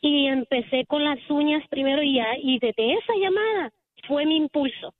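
A woman calls in to a radio show, earnest and talkative. Her high voice comes through a tinny phone line, dry and close. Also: normal speed, dry recording. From El Salvador. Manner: earnest, talkative, emotional storytelling. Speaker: caller, salon owner. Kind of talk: casual phone-in chat.

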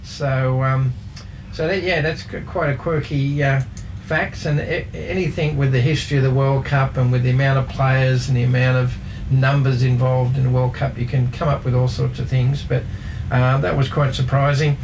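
A man, talking football facts in a casual radio chat, slow and hesitant with many fillers. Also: medium pitch, flat delivery, background noise. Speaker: football pundit.

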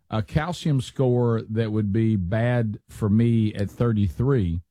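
A man's voice: on the low side, dark tone, dry recording, studio quality. A man, hosting a show with folksy, chatty talk full of fillers and restarts. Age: 60s. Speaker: radio show host. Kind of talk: casual chat.

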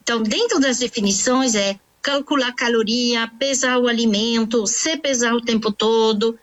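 Woman, nutritionist, earnest explainer, slightly high voice. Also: moderate pace. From France. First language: French. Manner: earnest, explanatory, with many fillers and restarts. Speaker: nutritionist, author. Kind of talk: interview answer.

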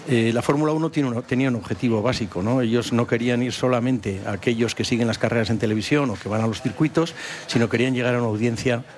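A man's voice: mid-range voice, fast talker, a little mellow. A man from San Sebastián, a company founder, answering interview questions hesitantly with many restarts. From San Sebastián, Spain.

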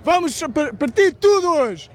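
A man's voice: very high voice, big pitch swings, a little slow. A man, a fan speaking in rowdy bursts outdoors. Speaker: football fan.

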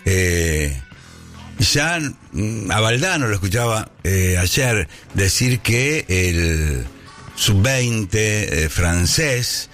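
Low, lively Argentine man on radio. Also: drawn-out words, faint music behind. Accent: Argentine Spanish. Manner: storytelling, acts out dialogue in quotes. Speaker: radio host. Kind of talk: casual sports radio chat.

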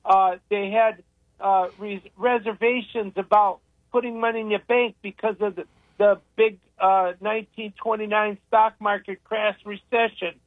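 An older man talks on the radio in a loose, rambling way, pushing his opinions through long stories. His voice sits high, and the sound is thin and tinny, like a phone line, with a dry feel and no room echo. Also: little pitch movement, measured pace. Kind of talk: casual radio talk.

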